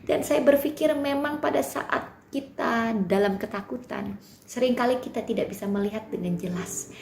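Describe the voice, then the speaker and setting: A woman preaching a sermon at a youth service, emphatic, swinging from loud declarations down to soft near-whispers. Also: a little high, normal speed, slight background noise. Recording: roomy sound with clear music behind.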